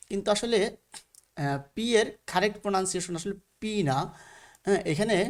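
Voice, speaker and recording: Patient Bangladeshi man teaching letters. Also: high-pitched. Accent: Bangladeshi Bengali. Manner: patient, repeats each letter slowly with frequent fillers. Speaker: English pronunciation teacher. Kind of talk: recorded classroom lesson.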